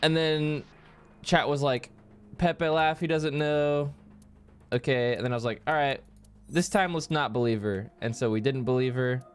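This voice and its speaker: A man's voice: mid-range voice, normal speed, smooth, soft background music. A man streaming a game, recapping it in casual chat and jumping into silly voices and sound effects.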